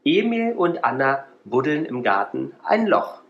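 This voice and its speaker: A man's voice: mid-range voice, sing-song, measured pace, creaky, a bit bright, dull audio. A man in a casual podcast reading a short spooky story aloud, raising his voice for the children's lines. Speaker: podcast host.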